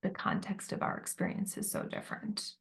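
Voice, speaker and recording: A woman facilitating a group discussion on motherhood, gentle and validating, with many fillers. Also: a little fast. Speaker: workshop facilitator.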